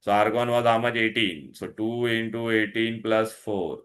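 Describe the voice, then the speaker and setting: A man with an Indian accent speaks at a moderate pace in a lowish, slightly bright voice with fairly even intonation. He's giving an online science lesson, instructive and repetitive, questioning pupils and frequently checking they keep up.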